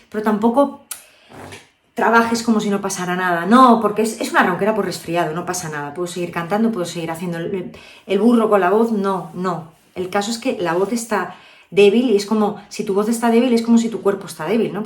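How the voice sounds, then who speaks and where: A woman from Spain, a vocal coach, giving a chatty video lesson and often checking in with her viewers. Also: mid-range voice. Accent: Spain Spanish. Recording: echoey room.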